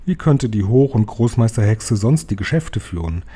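A man calmly reading a children's book aloud in a measured storytelling manner. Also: lowish voice, breathy edge. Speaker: reader.

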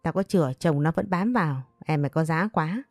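A woman's voice: low-pitched, a little fast, no room sound, clean studio sound. A foul-mouthed jealous concubine, read by a woman. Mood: furious. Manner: scolding, abusive.

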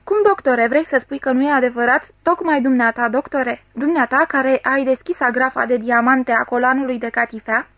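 Woman voicing a frantic young man, high and urgent. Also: fairly even intonation, few pauses, a bit bright, dry recording, muffled recording. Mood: indignant. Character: agitated young man insisting on a nightmare.

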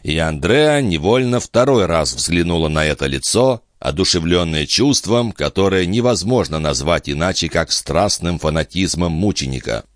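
A man reads a classic novel aloud in a measured, literary manner. His voice sits very low but moves expressively, and the recording is dry and close. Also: expressive, dry recording. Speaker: audiobook narrator. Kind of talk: scripted narration.

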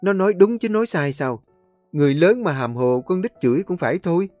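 A gruff middle-aged husband who brushes things off with a curt, raised voice, as a male storyteller plays him. The is clear, and the sound is dry and close over faint music. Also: high voice, animated, fairly quick, darkish tone, no room sound, voice pushed up. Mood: dismissive. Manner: dismissive, curt.

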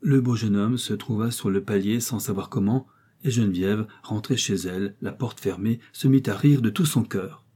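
Dark, husky male audiobook narrator. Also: on the low side, normal speed. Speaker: audiobook reader. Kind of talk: scripted narration.

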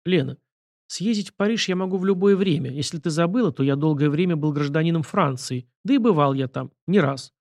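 A man reading the lines of a calm, ironic young man in an audiobook, dry in manner. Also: on the high side, a little fast, no room sound, pitched above the performer's own voice, lightly acted.

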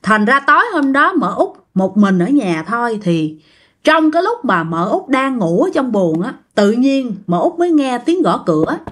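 A woman's voice: fairly high pitch, very animated, moderate pace. A woman with a Southern Vietnamese accent narrating a ghost story in a chatty way, talking straight to her listeners. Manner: chatty, addresses listeners directly.

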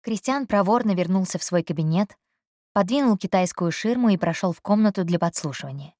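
Female audiobook narrator, mid-pitched, steady reading, close dry mic. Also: brisk, no room sound. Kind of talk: scripted narration.

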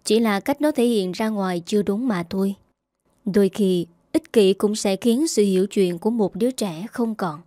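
A woman reading a story aloud in an even storytelling manner. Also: medium pitch, normal speed, no echo, studio quality. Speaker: narrator. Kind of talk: scripted story narration.

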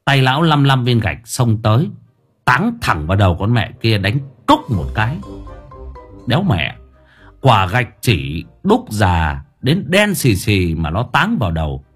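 A man's voice: lowish voice, measured pace, breathy edge, soft background music. A man narrating an audiobook in an earthy, colloquial way. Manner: earthy, lively, slangy.

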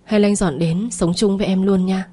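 A woman's voice: medium pitch, fairly even intonation, a little fast, dark tone, slightly rough, close to an everyday voice. A woman voicing a jealous, coarse young male lover who wheedles and accuses in an audio story. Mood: jealous wheedling.

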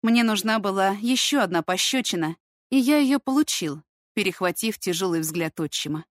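A woman reads a first-person story aloud at a measured, steady pace. She speaks in an ordinary mid-range voice. The close recording is dry, with no room sound. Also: medium pitch, no room sound. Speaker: audiobook reader.

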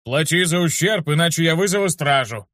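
A man's voice: on the high side, lively intonation, moderate pace, a bit bright, no echo, clean studio sound, voice pushed up. A man voicing a boastful teenage warrior who bullies a newcomer, in a blustering, demanding manner. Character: boastful teen warrior bullying a newbie.

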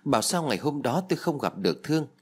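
A man's voice: medium pitch, big pitch swings, fast talker, darkish tone, husky. A man reading a first-person novel aloud as an audiobook narrator, telling it expressively. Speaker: audiobook reader.

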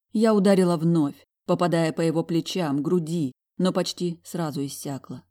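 A woman narrating a first-person audiobook in an emotional, expressive reading. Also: low-pitched.

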